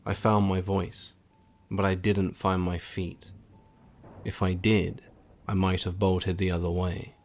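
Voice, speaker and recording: A man with a very low, deep voice narrates a first-person horror tale. His delivery is grim and hushed, building dread line by line. Soft music plays underneath. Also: level tone, takes it slowly. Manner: grim, hushed storytelling with shouted outbursts.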